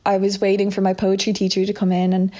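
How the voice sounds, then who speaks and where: A woman's voice: mid-range voice, monotone, fast talker, dark tone. A young Irish woman speaking candidly and reflectively as an interview guest, with frequent fillers and restarts. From Ireland.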